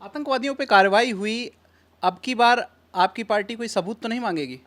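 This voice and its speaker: A woman's voice: fairly high pitch, a little fast. Woman reporter asking probing questions. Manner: probing, matter-of-fact questioning. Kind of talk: news interview questions.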